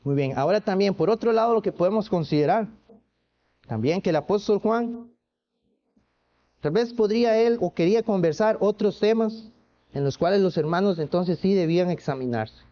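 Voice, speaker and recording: A man's voice: sits high, moderate pace, dull audio. A man with a Costa Rican accent preaching a sermon in church, earnest, with restarts and rhetorical questions. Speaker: pastor.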